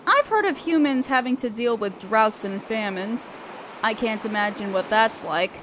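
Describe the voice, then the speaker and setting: In this fantasy roleplay audio drama spoken to the listener, an actress plays a young selkie girl in a natural, fairly high, very animated voice at a normal speed. The mood is casual and musing, guarded and teasing with a tentative curiosity under her aloofness. Ocean waves and wind sound clearly in the background.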